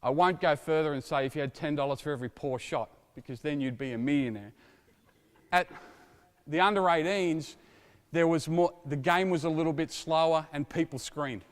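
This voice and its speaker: Energetic basketball coach in a gym. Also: male voice, on the high side, moderate pace. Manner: energetic, shouts drill instructions. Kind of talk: coaching clinic demonstration. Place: indoor basketball court. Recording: long reverb of a large gym.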